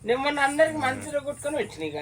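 A woman's voice: high voice, sing-song, very fast, distant mic. An older woman with a Telangana accent, answering questions plainly in a casual family chat. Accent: Telangana Telugu.

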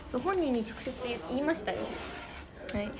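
A woman's voice: sits high, lively intonation, fairly quick, crowd noise. A young woman with a Niigata Japanese accent chatting casually with fans on a livestream, giggly and thanking viewers by name. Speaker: idol livestreamer. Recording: noisy background.

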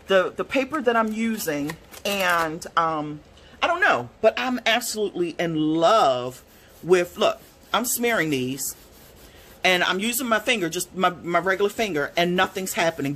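A woman reviewing art supplies in a casual swatch video, gushing and excitable, gasping and squealing over the colors. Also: lowish voice. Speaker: product reviewer.

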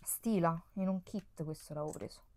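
A woman's voice: on the low side, normal speed, darkish tone, a little hiss or hum. A young woman, chatting casually and exclaiming often as she sorts through makeup at home. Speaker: beauty vlogger. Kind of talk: casual chat while decluttering makeup. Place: indoors at home, on a bed. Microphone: camera mic, face off-screen.

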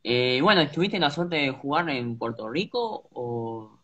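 A man's voice: medium pitch, lively intonation, unhurried, bright, forceful tone. A young man, interviewing a guest on a video call from a room at home, hesitant with many fillers. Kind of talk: casual interview questions. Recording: muffled video call audio.

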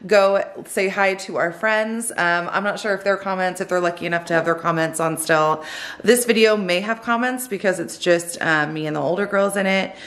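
A woman's voice: fairly low pitch, moderate pace, a bit bright, no room sound. Woman, middle-aged, casual vlog chatter, rambling with fillers, handheld camera. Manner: chatty, rambling with many ums. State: out of breath after running in. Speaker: vlogger mother. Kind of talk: casual family shopping vlog. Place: car, then inside a busy store.

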